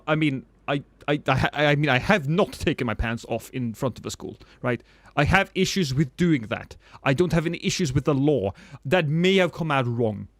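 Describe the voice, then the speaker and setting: A gravelly-voiced man in his thirties, recorded with no echo, rambles profanely to his live-stream viewers and jokes at his own expense. His casual chatter swings from loud excited bursts to low mumbles.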